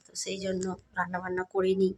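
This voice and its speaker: Chatty young Bengali woman, flat tone. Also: on the low side, fast. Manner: chatty, addresses viewers as friends. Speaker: vlogger. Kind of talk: casual vlog chat.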